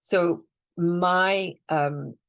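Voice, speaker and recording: A woman coach from the UK leads a spiritual webinar, talking slowly and soothingly and repeating phrases like a mantra. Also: fairly low pitch, steady tone, gravelly. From United Kingdom. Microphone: computer mic on a video call.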